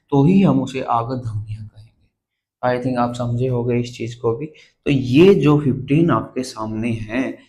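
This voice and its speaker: A male grammar teacher giving a blackboard lesson on letters, slowly repeating each term and asking the viewer to say it back. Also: mid-range voice, a little mellow, rough recording. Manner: slow, repeats terms and quizzes the viewer.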